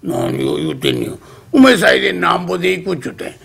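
A man voicing a tipsy, scheming middle-aged male merchant with a Kansai accent, coaxing in a hushed, conspiratorial way in traditional comic storytelling. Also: high voice, huge pitch swings, quick pace, gravelly, husky, full character voice. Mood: breezy.

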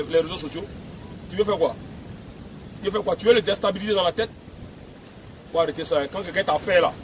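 A man's voice: a little high, a little hiss or hum, low-quality recording. A man giving an emphatic, repetitive video message outdoors at a beach. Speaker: music personality addressing fans.

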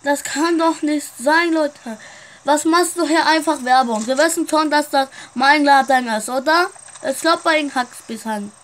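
A woman's voice: high-pitched, normal speed, a bit bright. A woman playing a shopkeeper in a casual game roleplay, chatting straight to her viewers. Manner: chatty, keeps addressing viewers.

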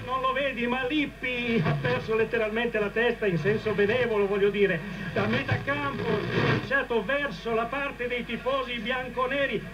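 A male football commentator giving excited, emphatic live radio match commentary. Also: extremely high pitch, moderate pace, loud music behind the voice. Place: football stadium commentary position. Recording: dull, noisy radio broadcast feed.

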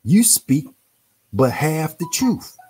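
A man reading aloud the lines of a wise older man who lectures on saving money, in a measured, instructive way. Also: on the high side, very animated, warm tone, husky, voice pushed up, heavily acted.

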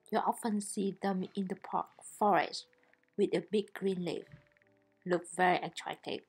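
Calm low-voiced woman narrating a foraging vlog. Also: breathy edge. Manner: calm, simple instructive phrasing; non-native English grammar. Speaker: foraging guide.

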